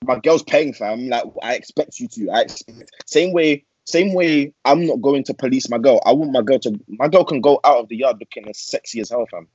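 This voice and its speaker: London roadman, husky, echoey room. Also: mid-range voice, fairly quick, a little mellow. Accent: London, urban roadman slang. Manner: emphatic, repetitive, slang-heavy. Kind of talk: heated casual group debate. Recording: echoey, muffled lo-fi room sound.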